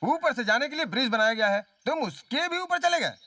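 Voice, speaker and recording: A man's voice: very high-pitched, expressive, a little fast, bright, forceful tone, dry recording, clean studio sound, recorded from a distance, heavily acted. An actor playing an officious, irritable policeman, barking pompously in a dubbed comedy film.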